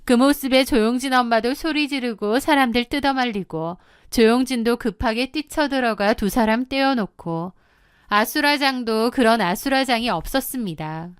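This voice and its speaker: A woman's voice: on the high side, normal speed, clear, resonant tone, dry recording, studio quality. A woman narrating her own story in the first person, confiding and matter-of-fact.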